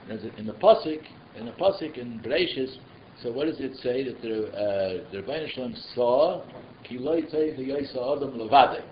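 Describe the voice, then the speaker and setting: A man's voice: mid-range voice, animated, normal speed. A man with giving an informal religious class, asking rhetorical questions and slipping in conversational asides. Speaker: rabbi giving a Torah class. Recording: echoey, muffled room recording with noise.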